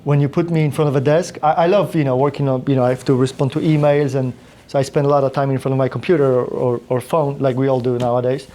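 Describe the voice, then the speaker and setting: Warm and fast, a medium-pitched male voice with fairly even intonation belongs to a Polish podcast guest in his thirties. Speaking his first language, Polish, he tells his life story in a casual interview, rambling with frequent restarts and fillers.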